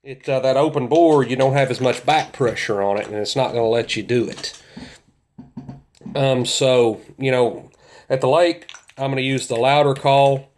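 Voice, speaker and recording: A man's voice: mid-range voice, steady tone, moderate pace, darkish tone. A man gives informal instruction in a plain-spoken, folksy way as an experienced outdoorsman. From central Kentucky, United States. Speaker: duck hunter teaching calling techniques.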